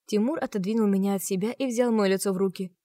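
A woman reading a first-person romance novel aloud, with an expressive, dramatic delivery. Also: mid-range voice, fast, no room sound, studio quality. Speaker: audiobook narrator.

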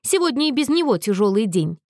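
A woman's voice: fairly high pitch, sing-song, a little fast, a little mellow, no echo, clean studio sound, voice pushed up. A woman voicing a volatile, bitter young man on the edge of breaking down, snarling and accusing in a raised voice. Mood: furious, accusing.

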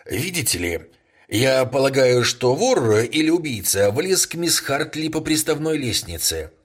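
Male narrator doing a rattled gentleman solicitor, husky, voice jumping up when upset. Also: medium pitch, big pitch swings, a little slow, pitched above the performer's own voice. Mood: flustered. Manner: shaken, exclaiming, fussy. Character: agitated middle-aged male solicitor.

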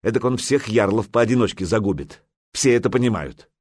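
A man's voice: fairly low pitch, animated, fairly quick, darkish tone, breathy edge, dry recording, clean studio sound. A man voicing a shrewd viking warrior who talks in a matter-of-fact, knowing way.

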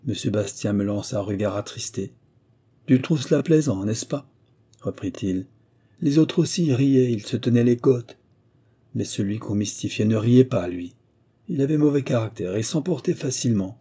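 A man reading a nineteenth-century short story aloud in a measured storytelling manner. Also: fairly low pitch, mellow, husky. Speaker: audiobook reader. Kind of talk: scripted literary narration.

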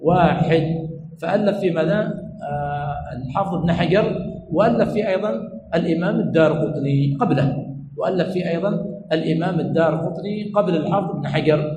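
Quick, high-voiced male teacher in echoey room. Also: a little mellow, a little hiss or hum. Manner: repetitive, asks the class "what?" and completes the answer himself. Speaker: sheikh teaching hadith terminology. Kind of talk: classroom lesson. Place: lecture room at a religious study center.

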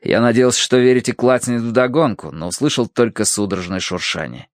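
A man narrating an audiobook in the first person with expressive, lively storytelling. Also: medium pitch, brisk, no echo, clean studio sound.

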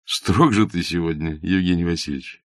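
A man voicing an earnest young gentleman, idealistic and a little flustered, in an audiobook. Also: sits low, normal speed, dry recording, studio quality.

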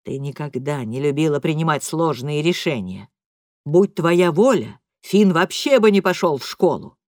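A woman voicing an angry father who talks slowly and coldly in a lowered voice during a family argument, read as an audiobook. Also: lively intonation, dry recording, studio quality. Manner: slow, low and measured. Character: stern, cold middle-aged father in a fight.

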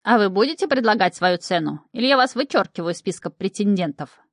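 A man's voice: high voice, expressive, brisk, no room sound, studio quality. A woman voicing a greedy little male imp familiar who haggles in a businesslike way.

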